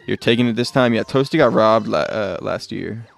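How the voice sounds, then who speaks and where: A man's voice: on the low side, normal speed, vocal fry, soft background music. A man streaming a video game live, chatting casually and rambling, often muttering asides and correcting himself. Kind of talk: casual live gameplay chat.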